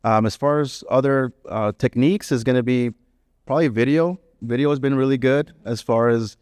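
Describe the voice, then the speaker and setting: A young man shares his view on a panel, earnest and loose, with plenty of "you know". His voice is clear and resonant, with a dry, close sound. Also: medium pitch, moderate pace, darkish tone, no room sound. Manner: earnest, conversational, many fillers like "you know". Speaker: real estate agent on a panel. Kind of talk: panel discussion.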